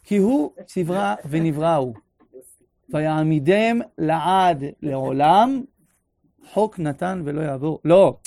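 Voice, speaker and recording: Raspy high-voiced man teaching a class. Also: dry recording, clean studio sound. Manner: animated, builds to loud exclaimed refrains; addresses a live class with questions. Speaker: religious teacher. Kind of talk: classroom Torah lesson with guided imagery.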